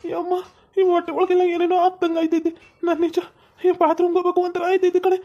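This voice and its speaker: A woman's voice: very high-pitched, monotone, warm tone, muffled recording. Woman playing a moaning sick village husband. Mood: groaning.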